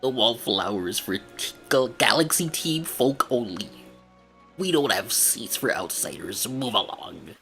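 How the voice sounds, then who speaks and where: A man's voice: mid-range voice, expressive, a little slow, a bit bright, faint music behind. A man voicing a stern male guard in a video game, curt and suspicious as he turns someone away.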